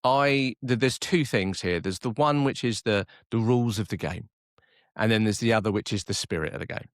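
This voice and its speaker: A man co-hosting a football podcast, talking in a worked-up, animated way and reading quotes aloud. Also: on the low side, normal speed, no room sound, studio quality. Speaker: podcast co-host. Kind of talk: casual football chat.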